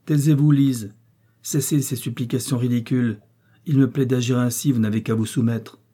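A man's voice: mid-range voice, fairly even intonation, normal speed, mellow, husky, natural voice. A man voicing a cold, despotic young prince who speaks to his wife in a curt, commanding way. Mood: coldly commanding.

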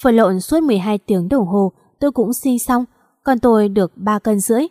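A woman's voice: medium pitch, brisk, dark tone, dry recording, studio quality. A woman narrating a romance story in the first person, reading evenly and steadily. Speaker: audiobook narrator.

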